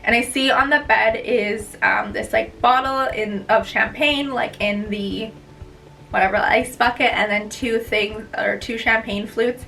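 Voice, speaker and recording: A woman's voice: a little high, fairly even intonation, a little slow, gravelly, bright, forceful tone, far from the mic, faint music behind, poor audio. A young woman vlogger chatting casually as she tells a story, bubbly and gushing, rambling on.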